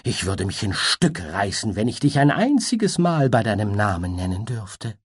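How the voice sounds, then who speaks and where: A man voicing a flighty male butterfly minstrel in a storybook reading, high, playful and sing-song. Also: big pitch swings, normal speed, breathy edge. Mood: giddy.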